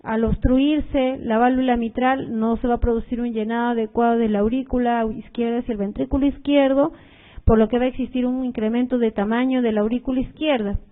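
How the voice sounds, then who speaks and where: Female medical lecturer, fairly high voice, talks through slides with fillers and repetition, phone-quality audio. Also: fairly even intonation, brisk. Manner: explanatory, uses fillers like "este" and "eh"; repeats key points, addresses students directly. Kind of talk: recorded cardiology lecture over slides.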